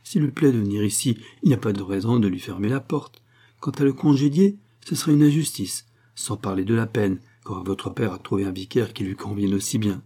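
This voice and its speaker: A man voicing a rector's wife, speaking a little higher and firmly. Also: animated, brisk, warm tone, slightly rough. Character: rector's wife, firm and sensible.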